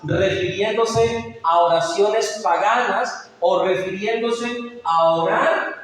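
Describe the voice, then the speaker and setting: A pastor preaches a sermon in a high-sitting, fairly bright voice at a slow pace, calling his listeners "brother" and asking them rhetorical questions. The sound is echoey, picked up from far off in a hall.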